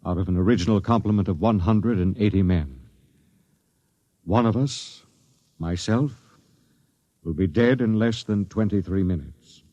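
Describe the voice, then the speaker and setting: A grim, doomed space captain narrates an expedition in a 1950s radio drama, his lowish male voice grave and measured before turning sharp and bitter. The old broadcast sounds muffled, with music, but has no echo.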